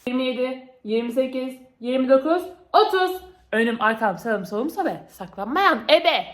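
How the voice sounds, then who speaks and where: A woman's voice: high-pitched, animated, moderate pace. A woman chatting casually to viewers as a vlog host, playful and exclamatory. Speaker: vlog host and game player. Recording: roomy echo, faint background noise.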